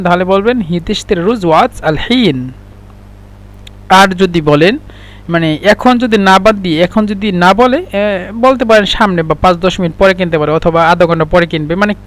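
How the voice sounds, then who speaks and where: A man teaching Arabic phrases in a casual spoken lesson, slowly explaining each one and repeating the examples. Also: sits high.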